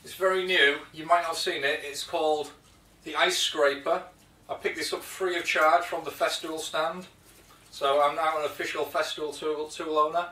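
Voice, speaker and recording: A man's voice: a little high, steady tone, normal speed, sharp tone. A man in his thirties with a British accent, chatting casually about his tools in a home workshop, rambling with fillers and restarts. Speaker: woodworking video host. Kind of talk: casual show-and-tell vlog. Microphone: camera mic from a few feet away. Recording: echoey workshop, distant mic.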